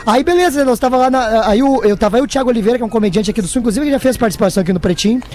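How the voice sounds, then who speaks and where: A man's voice: very high-pitched, very fast, darkish tone, soft background music. A male comedian with a southern Brazilian accent, telling slangy, casual comic anecdotes on a radio panel. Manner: slangy, colloquial.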